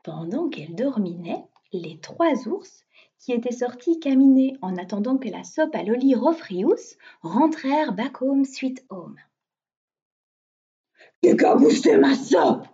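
A woman reads a fairy tale slowly and playfully, her voice husky and mellow. It has a dull, lo-fi sound. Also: on the high side, big pitch swings. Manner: slow, playful narration of invented words. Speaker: storyteller. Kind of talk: playful storybook reading.

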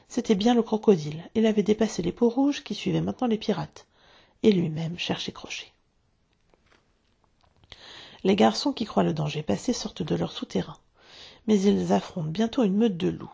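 A woman narrating a storybook in a hushed, dramatic way, often dropping to a whisper. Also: medium pitch, vocal fry, slightly rough. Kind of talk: storybook reading.

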